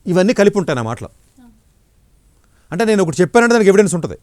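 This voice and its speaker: A middle-aged man, an education counselor, giving blunt, forceful answers in an interview. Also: high voice, big pitch swings, racing, no room sound, studio quality.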